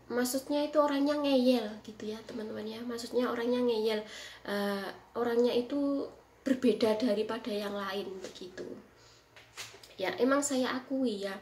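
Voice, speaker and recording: A woman's voice: on the high side, slight background noise. An Indonesian woman working as a live-in caregiver in Taiwan, giving emphatic, repetitive advice to fellow workers in a casual vlog. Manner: emphatic, repeats herself, frequent tag "ya, teman-teman". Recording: roomy echo with faint background ambience.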